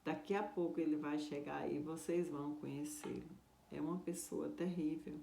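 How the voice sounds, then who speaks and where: A man's voice: on the high side, fairly even intonation, moderate pace, vocal fry, mellow, slight background noise. A woman playing a timid, frightened boy. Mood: pleading. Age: child. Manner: pleading, timid. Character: frightened young village boy, sad and longing. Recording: roomy echo.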